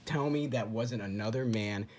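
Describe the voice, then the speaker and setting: A young man casually commenting over game footage as a channel host, excitable, repeating himself and acting out what the people on screen might be saying. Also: on the low side, normal speed. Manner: excitable, repeats himself, acts out quoted dialogue.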